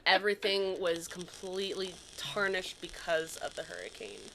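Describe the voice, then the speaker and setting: A young woman casually telling a childhood story among friends, animated and quick to laugh. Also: fairly low pitch. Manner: animated, laughs often, acts out quoted lines. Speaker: storyteller in a gaming chat.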